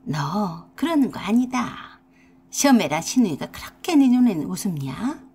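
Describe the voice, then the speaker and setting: A domineering old mother-in-law, put on by a woman reader in a radio drama, nagging in a shrill voice that jumps all over. She drops rural dialect words, and her tone stays husky. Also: sing-song, normal speed, dark tone. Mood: scolding. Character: scolding older mother-in-law, domineering and self-pitying.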